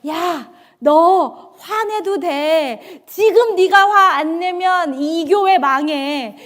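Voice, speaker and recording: Woman preacher doing satan the tempter, high voice, slow goading taunts. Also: a bit bright, exaggerated voice. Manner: coaxing, egging on.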